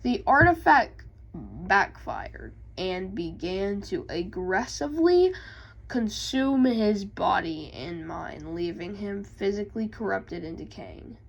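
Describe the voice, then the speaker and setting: Slow, gravelly young woman, hesitant. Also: mid-range voice, very animated. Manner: hesitant, many ums and restarts; reads lore slowly, then explains it in her own words. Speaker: gaming YouTuber. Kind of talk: casual vlog and lore reading.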